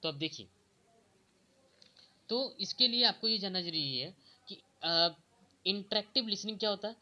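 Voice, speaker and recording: Man, young adult, exam tutor, sharp bright voice, explains step by step, reads options slowly, repeats himself. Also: sits high, expressive. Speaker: exam-prep teacher. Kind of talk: explaining exam questions in a lesson.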